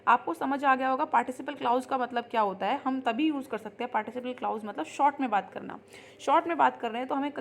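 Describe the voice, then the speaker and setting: Lady teacher with a slightly high voice going through grammar step by step, reads examples out slow, faint hiss behind. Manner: explains patiently in Hindi, reads English examples slowly; repeats ठीक है as a check-in. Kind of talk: recorded online grammar lesson.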